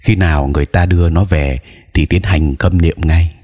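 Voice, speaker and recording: A man's voice: sits low, steady tone, normal speed, darkish tone, husky. A man voicing a sad village uncle who steadily explains what happened. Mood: sorrowful. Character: sad village uncle telling bad news.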